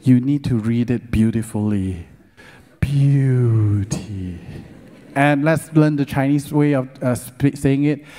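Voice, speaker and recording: A middle-aged man's mid-range voice sounds steady, clear and resonant with a dark tone, moving at normal speed with few pauses. He gives a sermon-style talk at a church lecture concert, stretching key words earnestly and leading the audience in call-and-response. The large worship hall adds long reverb.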